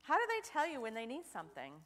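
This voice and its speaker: Lively woman with a children's sermon. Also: a little high, fast. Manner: animated, questioning children playfully. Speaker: children's message leader. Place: church sanctuary. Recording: church hall reverb.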